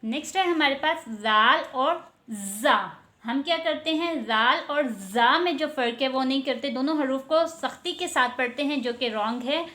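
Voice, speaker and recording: A woman's voice: sits high, measured pace, sharp tone. A woman teaching Quran pronunciation, explaining patiently and stretching out letter sounds to model them. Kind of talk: online tajweed lesson.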